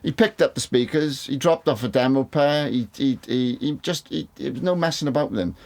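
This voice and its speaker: A mixing engineer with a big, gravelly, mid-range voice talks fairly quickly to camera on a studio condenser mic, reviewing studio monitors. He's casual and rambling, repeats words, and swears now and then.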